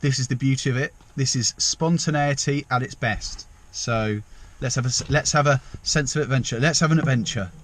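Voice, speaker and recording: A man's voice: mid-range voice, moderate pace, hardly any pauses. A young man from England, rambling chattily and self-deprecatingly in a casual vlog. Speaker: vlogger.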